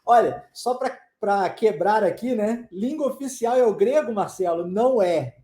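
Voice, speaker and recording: A woman teaching English in a live online lesson, chatting with viewers, laughing often and checking in with quick questions. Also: medium pitch, lively intonation, mellow, echoey room.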